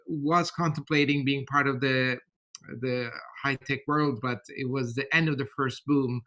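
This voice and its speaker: A middle-aged Turkish man, speaking with a Turkish accent, is a guest in a podcast interview, answering in a measured, thoughtful manner full of hesitations. His voice is medium-pitched and steady, with a bright, forceful tone.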